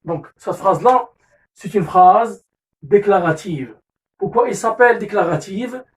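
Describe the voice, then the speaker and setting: A man's voice: high-pitched, measured pace. Moroccan male teacher, a little off-mic. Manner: repeats key terms, corrects himself with "pardon"; mixes French with Moroccan Arabic asides. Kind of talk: classroom lesson explanation. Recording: voice distant from the mic.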